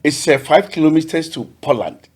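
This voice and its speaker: A man from Ghana, a podcast guest telling his story in a cheerful, halting way, often repeating words. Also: on the high side, expressive, darkish tone. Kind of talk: casual interview.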